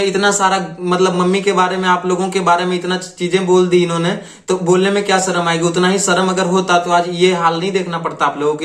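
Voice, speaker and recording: A man's voice: high voice, a bit bright, roomy sound. A man hosting a reaction video, commenting on clips in an earnest, repetitive, lecturing way.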